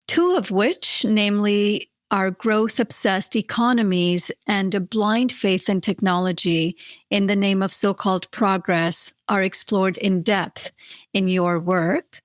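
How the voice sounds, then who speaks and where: Female podcast host, measured and lightly wry, mid pitch, dry close sound. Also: no room sound. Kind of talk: scripted interview questions.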